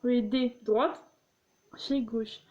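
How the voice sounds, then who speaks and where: Giggly young woman reading jokes, slow. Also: a little high, fairly even intonation, a little mellow, dull audio. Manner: giggly, stumbling, explaining jokes. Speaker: vlogger.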